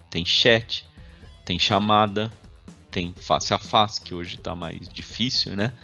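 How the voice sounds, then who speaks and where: Low-voiced Brazilian man giving a work talk. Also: fairly bright tone, lo-fi sound. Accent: Brazilian Portuguese. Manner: conversational, tags sentences with frequent "né?". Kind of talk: informal workplace talk.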